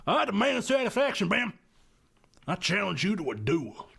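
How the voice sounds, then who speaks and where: A man voicing a blustering old Southern gentleman with a theatrical drawl, demanding a duel. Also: high-pitched, big pitch swings, moderate pace, gravelly, breathy edge, pitched above the performer's own voice, heavily acted. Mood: indignant.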